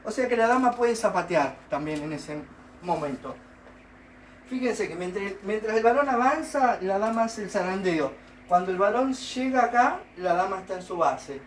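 A man's voice: high voice, animated, normal speed, recorded from a distance, a little hiss or hum. A man with an Argentine accent teaching folk dance, explaining each step and checking that students follow. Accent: Argentine Spanish. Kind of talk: online dance lesson. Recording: roomy, from off the mic. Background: folk guitar music.

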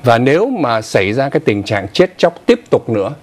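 A man's voice: medium pitch, big pitch swings, fairly quick. A man in his sixties co-hosting a morning news show from a TV studio on a lapel mic, explaining the news in a chatty way with asides. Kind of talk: casual morning news commentary.

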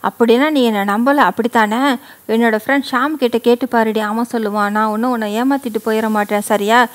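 Brief: a woman doing a young husband in a storybook romance, loving but scolding, high-ish voice, coaxing. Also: fairly even intonation, brisk, natural voice. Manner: coaxing, teasing endearments.

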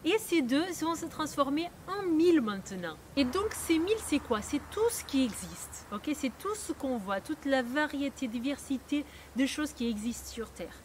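Woman, high voice, non-native accent, patient lesson explainer who hesitates and restarts often. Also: lively intonation, normal speed, few pauses, noisy background. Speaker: Ayurveda teacher.

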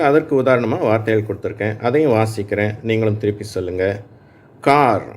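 A man teaching English reading to adults in Tamil. He speaks slowly and patiently, repeats his points and checks with his listeners. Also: lowish voice, darkish tone. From Tamil Nadu, India. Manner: patient, reassuring, repeats points and asks "சரியா?". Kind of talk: slow spoken lesson for adult learners.

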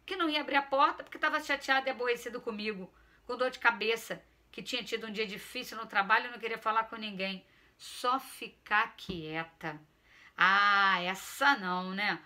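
Woman playing a sulky teen boy in a storybook reading, raised and bright, insistent and exasperated. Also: on the high side. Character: pushy, sulky teenage boy pleading with his mother.

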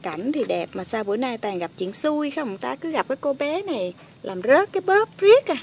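A woman's voice: sits high, sing-song, moderate pace, vocal fry, darkish tone, husky, heavily acted. A woman voicing a grumpy, bossy male toy dinosaur that grumbles and teases. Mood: scolding. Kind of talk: toy play voice acting.

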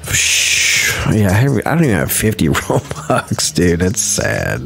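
Male gaming host, low and gravelly, animated let's-play commentary, slangy and playful. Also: slow pace. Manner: chatty, playful, slangy, hums to himself.

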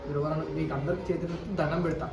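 Brief: young man, rapid-fire and high, yelling in an echoey, noisy spot far from the phone. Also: fairly even intonation, over loud music. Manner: pleading then shouting angrily. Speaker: vlogger. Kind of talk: staged family confrontation vlog.

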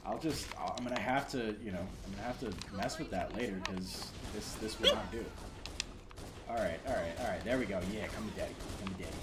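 A man's voice: fairly low pitch, a little fast, heavy background noise. A young man co-hosting a let's play, rambling and joking crudely while gaming. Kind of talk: casual gaming banter.

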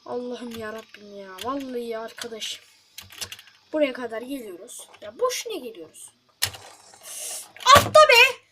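A woman's voice: a little high, moderate pace. A woman hosting a let's play, talking to the game in frustration and swearing often. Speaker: gaming channel host. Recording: loud keyboard clicks and noise.

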